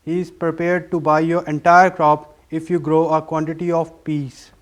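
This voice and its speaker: A man's voice: on the high side, little pitch movement, moderate pace. A man introducing a buyer to a group in a plain, announcing manner.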